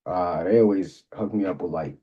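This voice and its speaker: A man's voice: sits low, moderate pace, breathy edge, highs cut off. A young man from Maryland, a guest rapper talking in a laid-back, slangy, rambling way with lots of fillers. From Maryland, USA. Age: young adult. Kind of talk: casual interview.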